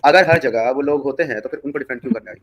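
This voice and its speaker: A man's voice: medium pitch, husky. A man from India hosting a heated debate, pressing his question again and again. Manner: insistent, keeps repeating his question. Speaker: host.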